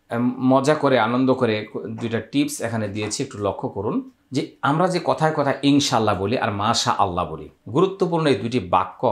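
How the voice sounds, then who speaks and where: A man teaching Quran recitation rules, explaining each step and drawing out the Arabic words slowly. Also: mid-range voice, echoey room.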